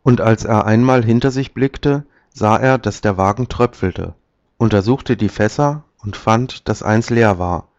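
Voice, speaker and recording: A man reads an old fairy tale aloud in a calm, measured way, his voice fairly low. The recording is muffled and lo-fi. It is completely dry, with no room sound. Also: dry recording. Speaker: narrator.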